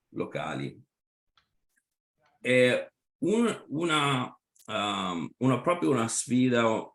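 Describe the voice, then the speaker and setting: Slow, hesitant man in an echoey room. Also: lowish voice, a bit bright. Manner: halting, many fillers and restarts, slips into English. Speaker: trade association representative. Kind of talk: webinar presentation. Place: online webinar.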